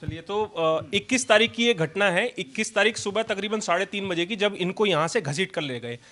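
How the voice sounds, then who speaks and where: Male local reporter, high voice, brisk summary, asks questions. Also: expressive, fairly bright tone. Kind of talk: field news report and questions.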